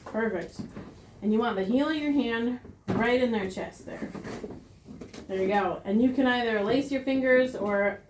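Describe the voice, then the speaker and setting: A woman's voice: on the high side, measured pace, background noise. A woman teaching a hands-on CPR class, patient and practical, encouraging her students. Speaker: CPR instructor. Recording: roomy classroom sound.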